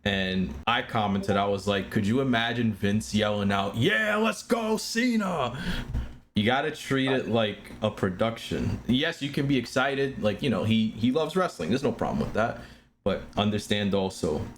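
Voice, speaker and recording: Male wrestler guest, low voice, opinionated podcast chat, faint hiss behind. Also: normal speed. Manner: opinionated, animated when mimicking others.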